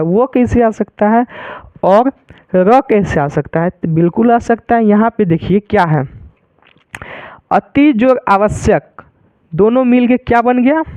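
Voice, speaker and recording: A man with a fairly high, clear voice teaches a grammar lesson at an unhurried pace, going over every example again and asking his students questions. The sound is tinny like a phone line and dry, with no room echo. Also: mellow. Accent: Hindi. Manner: explains slowly, repeating each example with questions.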